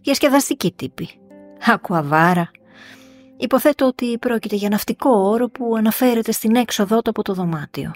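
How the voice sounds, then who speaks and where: A woman reading the lines of a fussy, easily flustered gentleman in an audiobook story. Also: on the high side, animated, faint music behind, pitched above the performer's own voice.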